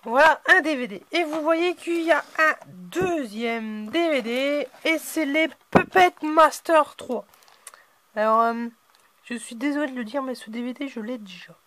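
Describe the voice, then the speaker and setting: A man hosting a casual unboxing video, hesitant and filling his pauses with "euh" and "voilà". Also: very high-pitched, bright, forceful tone, a little hiss or hum.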